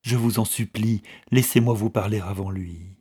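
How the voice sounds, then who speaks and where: A man reading the lines of an anxious young peasant wife, who speaks low and urgently. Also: normal speed, breathy edge. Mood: pleading. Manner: urgent and hushed.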